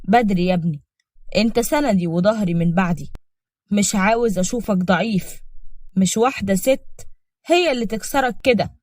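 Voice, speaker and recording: A woman's voice: mid-range voice, moderate pace, long pauses, a little mellow, dry recording, clean studio sound, close to an everyday voice. A woman voicing a firm, caring father who counsels his son, in Egyptian Arabic. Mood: fatherly. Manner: fatherly, persuasive.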